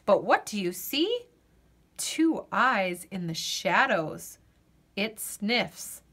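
A woman tells a children's picture book story aloud, her voice gentle and expressive, with deliberate dramatic pauses. Her pitch sits in the middle range.

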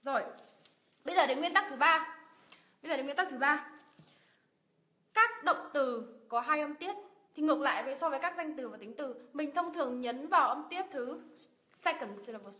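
A Vietnamese woman teaches English pronunciation on a livestream, drilling words with strong stress and asking viewers questions. Her voice is high-pitched, pushed and bright, with lively intonation, normal speed and long pauses. The livestream mic gives dull, lo-fi audio.

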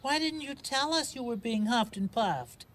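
A man's voice: very high-pitched, lively intonation, normal speed, heavy background noise. A man voicing a childlike, caring giant bird, earnest and innocent, in a children's puppet show. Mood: concerned.

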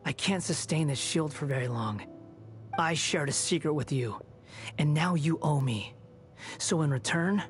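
An aloof young former villain from a video game, played by a man. He is proud and cynical, with cool, sardonic, deliberate delivery. Some music plays behind him. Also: on the high side, lightly acted. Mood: weary, guarded. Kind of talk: video game dialogue acting.

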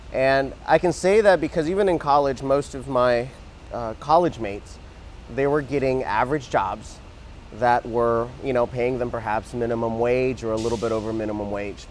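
A man's voice: mid-range voice, moderate pace, a little mellow, a little hiss or hum, rough recording. A man in his thirties, born in Mexico and raised in Texas, earnestly telling his story as an interview guest outdoors on a lapel mic. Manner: earnest, talks with his hands, frequent restarts. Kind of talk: casual interview. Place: outdoor garden plaza.

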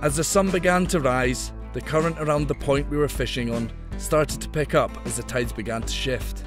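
A man giving steady, scripted voice-over narration of a fishing trip. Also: mid-range voice, moderate pace, music in the background. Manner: steady, explanatory. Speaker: channel host narrating.

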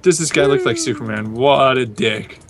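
A man's voice: mid-range voice, animated, moderate pace, a loud crowd. A man talking casually while gaming with friends, needling them in an incredulous tone. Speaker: gamer in a group play session. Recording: voice chat with clear game noise. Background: video game sounds.

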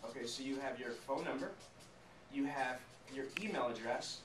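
Speaking at medium pitch and normal speed, a man in his thirties delivers an emphatic sales training talk to a small group, frequently stopping for rhetorical check questions. The small meeting room has a flip chart. Recorded on a camera mic a few metres away, the audio is echoey and distant with faint noise.

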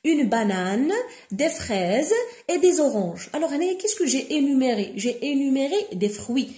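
A woman with a Moroccan accent tutors students through a novel, reading each line slowly and then explaining it with many fillers. Her voice sits a little high and has a mellow tone. The sound rings with room echo. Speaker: French literature tutor. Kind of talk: code-switching lesson explaining a novel.

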